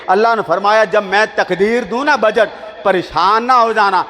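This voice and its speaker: High-voiced preacher man. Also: pushed and bright. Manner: storytelling, speaks to a seated crowd. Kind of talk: sermon. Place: large hall with a seated audience. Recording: long reverb of a large hall.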